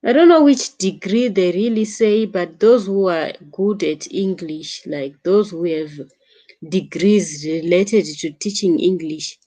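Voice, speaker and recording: A young African woman, a vlogger, chats casually on a late-night live stream, reading viewer comments aloud, calling them sister, and laughing often. Her voice sits on the low side, warm and measured in pace.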